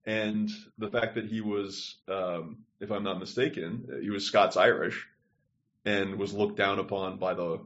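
A man co-hosting a podcast over a remote call speaks in a low-leaning, fairly bright voice, steady and a little slow. The recording is muffled. His casual discussion is digressive, as though he is thinking aloud.

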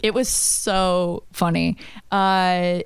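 Woman co-host, casual movie talk, smooth voice, dry close sound, lively storyteller who laughs easily. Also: lowish voice, extremely slow, dry recording. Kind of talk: casual movie review chat.

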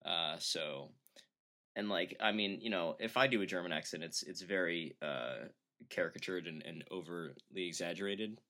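A man's voice: deep voice, normal speed, bright, forceful tone. A man co-hosting a comedy podcast, rambling and hesitant with frequent laughs. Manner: rambling, many fillers, laughs while talking. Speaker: podcast co-host. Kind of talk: casual comedy chat.

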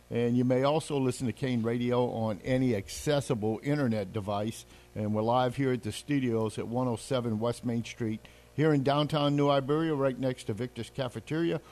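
A man's voice: mid-range voice, a little mellow. A man hosting a morning radio show in a folksy way, welcoming listeners from the studio.

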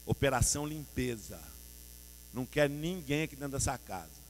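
A Brazilian man preaching puts on the voice of Jesus, brisk and commanding, with a Brazilian Portuguese accent. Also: mid-range voice, animated, long reverb tail, a little hiss or hum, close to an everyday voice. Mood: firm. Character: Jesus, calm firm grown man.

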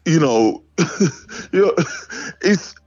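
A middle-aged man chats as a guest, telling stories and voicing the dialogue in them. His voice sits a little high, and the recording is slightly dull and lo-fi. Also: expressive, drawn-out words, darkish tone. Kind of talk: casual storytelling interview. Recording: dull, lo-fi sound.

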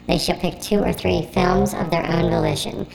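A woman voicing a cold, literal-minded computer AI that speaks in a flat, formal way. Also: fairly low pitch, moderate pace, gravelly, crowd noise, poor audio. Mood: officious.

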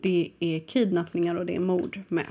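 A woman with a Stockholm accent hosting a podcast, chatting casually and reading aloud with a playful deadpan. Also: on the low side. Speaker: podcast host.

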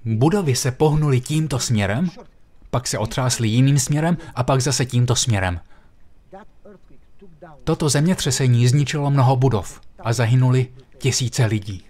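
A man's voice: medium pitch, a little mellow. Man preaching an emphatic storytelling sermon. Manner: vivid, emphatic storytelling with slowed, stressed phrases.

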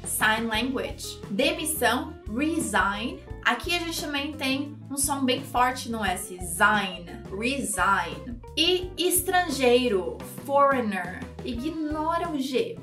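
A woman teaching English pronunciation in a video lesson, speaking clearly and slowing down to model words for the viewer to repeat. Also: high-pitched, fairly bright tone, recorded from a distance. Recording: roomy, off-mic with light music.

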